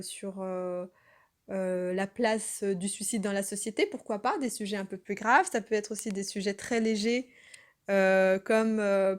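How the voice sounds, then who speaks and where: A channel host from France speaks in an unscripted monologue, earnest and reflective. Her medium-pitched voice comes with many pauses and self-corrections.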